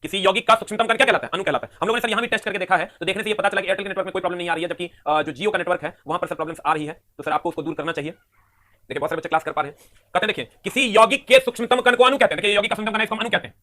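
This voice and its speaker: A man with a high, bright voice races through a live online chemistry class. He drills each definition again and again and counts atoms aloud at a brisk, forceful clip. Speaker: teacher.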